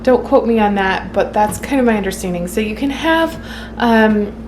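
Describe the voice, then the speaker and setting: A woman's voice: medium pitch, moderate pace, noisy background. A woman talking casually to viewers in a home cooking vlog, explaining things in an informal, improvised way. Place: home kitchen.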